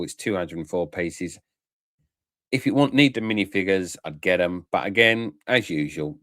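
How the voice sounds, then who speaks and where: A man giving a casual, frank product review. He talks in a chatty way, often tags on questions and fills pauses with "um". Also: sits low, fairly bright tone, no echo, studio quality. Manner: frank and chatty, with tag questions and many "um" fillers. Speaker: toy collector reviewer.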